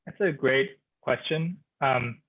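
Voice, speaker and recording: A man with a medium-pitched voice speaks slowly as a literature professor in a relaxed expert discussion. He's thoughtful and hesitant, restarting often and using many filler sounds, and the audio is narrow and tinny.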